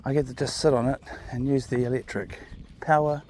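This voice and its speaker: A man with a broad New Zealand accent talks in a relaxed, slangy vlog manner. His voice sits at an average male pitch, and he rambles casually as he would to a pet or a friend. Faint outdoor ambience runs behind him. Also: brisk, a little hiss or hum. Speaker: vlog host. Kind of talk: casual chatty vlog, talking to his dog. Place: outdoors on a walk.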